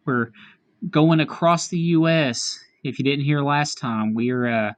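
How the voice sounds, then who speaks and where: A man's voice: mid-range voice, unhurried. A man hosting a casual chat podcast in a small room, joking and plugging the show. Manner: jokey, wraps up with plugs. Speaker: podcast host.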